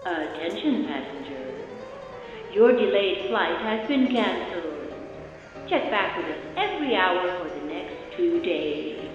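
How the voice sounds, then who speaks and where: A woman voicing a flat, official airport gate announcer, heard over an echoing loudspeaker. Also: fairly low pitch, unhurried, music in the background. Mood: deadpan official. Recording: echoey dull loudspeaker sound in a big hall.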